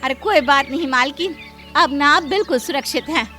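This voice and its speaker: A woman's voice: high-pitched, moderate pace, bright, forceful tone, faint music behind, voice pushed up. A woman voicing a poor, humble young housemaid wife who speaks pleadingly in a cartoon story.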